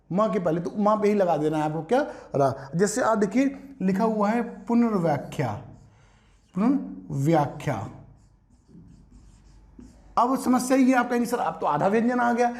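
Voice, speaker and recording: A man teaching an exam-prep Hindi spelling lesson, explaining patiently, repeating words and asking his students rhetorical questions. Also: sits high.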